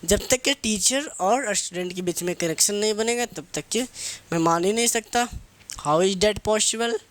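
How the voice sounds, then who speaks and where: Teaching English grammar to students preparing for competitive exams, this man poses questions, answers them himself and drills the terms, mixing English phrases into his Hindi. He speaks at a measured pace in a high, slightly bright voice.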